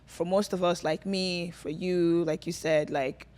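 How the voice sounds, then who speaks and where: A Nigerian woman appears as a guest in a casual podcast interview, rambling chattily with lots of fillers and frequent laughter. Her lowish, darkish voice stays steady and unhurried.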